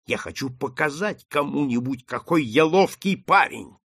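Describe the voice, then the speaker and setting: A man voicing an eccentric retired gentleman who speaks in a measured, mildly ironic way. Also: fairly high pitch, expressive, creaky, husky, full character voice. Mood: fervent.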